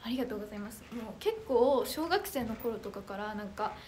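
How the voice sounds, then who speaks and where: A young woman hosting a casual livestream and answering her viewers' comments. Her voice is high and anime-like, loud and clear enough to carry easily. She reacts to each comment in a bubbly, excitable way. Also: fairly quick, slight background noise.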